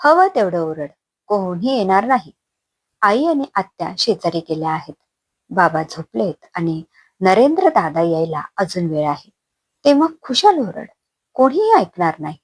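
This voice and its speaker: A woman voicing a young man who menaces his sister-in-law, in a husky, threatening tone. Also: on the low side, very animated, a little slow, no echo, heavily acted. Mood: menacing. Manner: threatening, coaxing. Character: young male brother-in-law, menacing and pushy.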